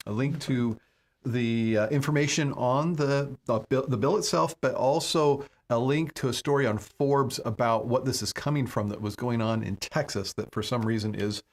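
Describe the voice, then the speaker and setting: A man's voice: mid-range voice, moderate pace. A man hosting a live medical talk show, chatting casually and often repeating words as he goes. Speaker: host.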